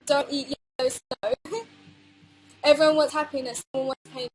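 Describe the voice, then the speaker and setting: A woman's voice: high voice, steady tone, unhurried, soft background music, poor audio. A young woman chatting casually on a livestream, reading out viewer quotes in a rambling, hesitant way.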